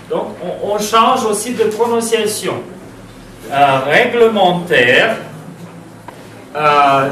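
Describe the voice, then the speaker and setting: A man with a Romanian accent teaches French spelling in a classroom, speaking slowly with many pauses and repeated words. His voice sits fairly high for a man. It is picked up from across a very echoey room, with faint background noise. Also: fairly bright tone, distant mic. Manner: slow, halting delivery with frequent "euh", spelling out letters and repeating words. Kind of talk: classroom lesson on spelling rules.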